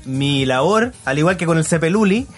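Chilean male co-host, high-pitched, lively slang storyteller, faint music bed. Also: moderate pace. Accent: Chilean Spanish. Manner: slangy, animated storyteller, mimics voices. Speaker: podcast co-host. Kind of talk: casual chat.

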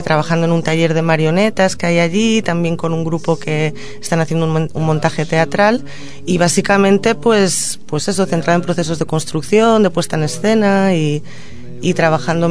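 A woman from Madrid speaks as a guest in a radio studio, earnest and reflective. She pauses often to gather her thoughts, with soft music faint behind her. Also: on the low side. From Madrid, Spain. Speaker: guest, social educator and puppeteer. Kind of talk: radio interview, answering questions.

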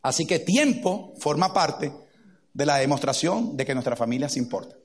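A middle-aged man with a notably high voice delivers a sermon as a pastor. He tells stories in an animated way and acts out what people said along the way. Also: moderate pace. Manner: animated storytelling with acted-out quotes.

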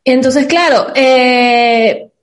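Venezuelan woman rambling in a chat, highish voice, keeps restarting. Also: extremely slow. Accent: Venezuelan Spanish. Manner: rambling, many restarts and fillers. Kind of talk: casual chat.

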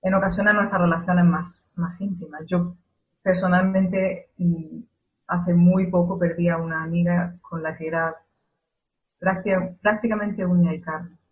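A woman with a Spain Spanish accent preaches in a measured, reflective way, building her points through repeated rhetorical questions. The sound is thin and tinny, like it came through a phone line. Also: lowish voice, steady tone. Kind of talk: sermon.

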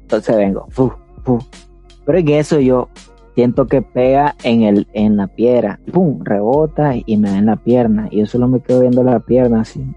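A man's voice: medium pitch, moderate pace, muffled recording, soft background music. A young man with a Nicaraguan Spanish accent telling a childhood story in a casual chat, acting out the voices of the people in it. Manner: animated, acts out voices in his story.

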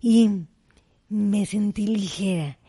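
A middle-aged woman with a slightly rough, medium-pitched voice speaks slowly as she shares stories from her life as an interview guest. She's animated throughout and acts out the dialogue.

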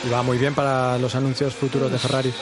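A man analysing a motor race conversationally as co-commentator, explaining in halting, self-correcting phrases. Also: medium pitch, completely flat delivery. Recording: clear outdoor trackside noise.

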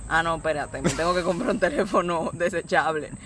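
A woman's voice: lowish voice, brisk. Playful Dominican woman, noisy recording. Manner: playful, slangy. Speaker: podcast co-host. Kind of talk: casual bantering chat.

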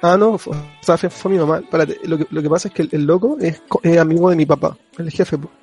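Young Chilean man for a loose storytelling chat; mellow, husky tone, lots of slang and laughter. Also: on the high side, fast, faint music behind. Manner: slangy, animated, laughs often while telling.

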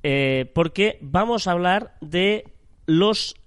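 A man's voice: high voice, lively intonation, takes it slowly, dry recording. A man with a nasal, stuffed-up voice from a cold, chatting as co-host of a marketing podcast. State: has a cold.

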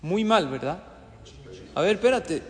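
A high-pitched man delivers a motivational talk, acting out little scenes and putting questions to his listeners. His voice rings out with a long, hall-like reverb. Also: unhurried. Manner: animated, acts out scenes and asks the audience questions. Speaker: speaker addressing an audience.

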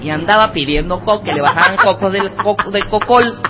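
A woman's voice: medium pitch, moderate pace, background noise. A woman co-hosting a radio show, goofy and giggly, rambling through playful banter. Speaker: radio co-host. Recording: muffled broadcast with music under it. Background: music.

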